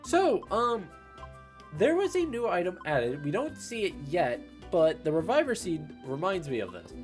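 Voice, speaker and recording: A woman commentates casually on a video game. Her voice sits a bit low and moves around a lot in pitch. Game music plays clearly behind her. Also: big pitch swings, unhurried, a little mellow. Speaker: gaming video host. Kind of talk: casual let's play commentary.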